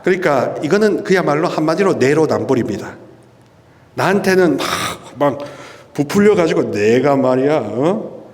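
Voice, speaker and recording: A priest with a male voice on the high side preaches a charismatic sermon at a prayer meeting, his words ringing through the long reverb of a church hall. He is lively and emphatic, asking rhetorical questions and drawing out stressed words.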